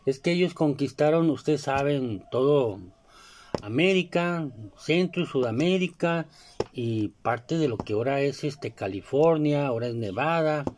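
A man's voice: a little high, lively intonation, unhurried, a little mellow, slight background noise. Rambling Mexican man, casual monologue. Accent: Mexican Spanish. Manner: rambling, filler-heavy, keeps asking "you know?". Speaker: commentator.

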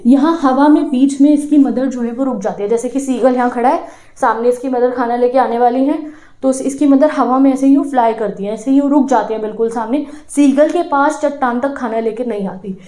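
A woman teacher retelling a story to her students in a lively way, asking them questions as she goes. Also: sits high, fairly quick, roomy sound. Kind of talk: storytelling lesson explanation.

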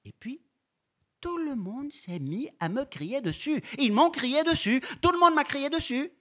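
A man's voice: extremely high pitch, animated, measured pace, a bit bright, heavily acted. An actor playing a sulky seven-year-old girl who keeps insisting she did nothing wrong, in a whiny, repetitive stage monologue. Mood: defensive, sulky. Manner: whiny, defensive, repeats herself. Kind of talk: stage monologue performed live.

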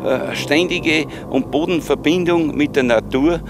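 An older man from Bad Goisern with an Upper Austrian accent, talking in a homely, warm-hearted way outdoors. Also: fairly high pitch, measured pace, over loud music. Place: outdoors in a town.

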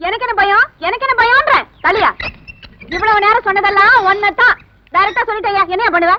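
An actress playing a jealous wife in a film who scolds, taunts and shouts at a neighbour. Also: female voice, extremely high pitch, a little fast, muffled recording, background noise. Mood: defiant shouting. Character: sharp-tongued jealous wife, loud and defiant.

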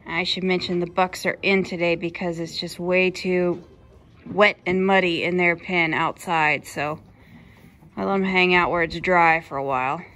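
A woman in her thirties giving a casual tour of her small farm, introducing each animal in a friendly, unhurried way, filmed on a handheld phone in a barn and outdoors. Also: lowish voice, fairly even intonation, a bit bright. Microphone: handheld phone camera.

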